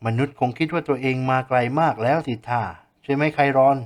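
A man's voice: mid-range voice, fairly even intonation, a little fast, lightly acted. A man voicing a grumpy, scornful camp director who talks down to a boy in an audiobook story. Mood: mocking. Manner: sneering, impatient, loud outbursts.

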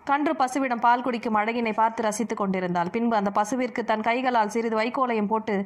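A woman's voice: fairly high pitch, fast. Woman narrating an audio novel. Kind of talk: scripted storybook narration.

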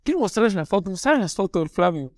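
An enthusiastic man reads a children's dialogue aloud, giving each quoted line some feeling. His voice is high for a man and recorded close and dry. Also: big pitch swings, fast talker, a little mellow, dry recording. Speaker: co-host. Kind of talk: casual chat, reading a dialogue aloud.

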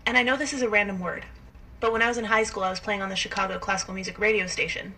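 A woman's voice: medium pitch, fairly even intonation, very fast, sharp tone, husky, far from the mic. A woman telling a short story in a matter-of-fact, wry way. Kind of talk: casual storytelling.

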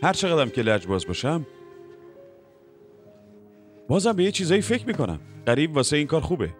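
A brash, stubborn younger brother. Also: male voice, fairly high pitch, sing-song, soft background music. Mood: defiant. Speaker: younger brother in family business. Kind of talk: Persian dub of a TV drama.

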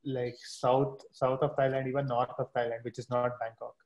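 A young man with an Indian accent talks casually as a podcast guest on a video call. His pitch is average, and he explains things in a halting way with repeated starts. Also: flat delivery, darkish tone, rough recording. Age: young adult. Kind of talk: casual travel chat. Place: room at home, video call.

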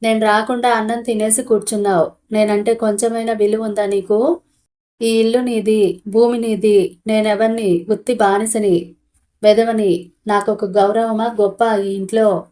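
A woman's voice: medium pitch, fairly even intonation, measured pace, dark tone, lightly acted. A woman voicing an indignant middle-aged husband who complains bitterly, in a storybook reading. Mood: aggrieved.

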